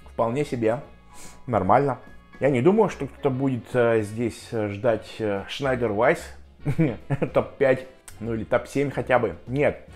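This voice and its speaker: A man giving a casual, chatty and jokey review to viewers, speaking with hesitant pauses as a vlogger. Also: mid-range voice, darkish tone. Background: music.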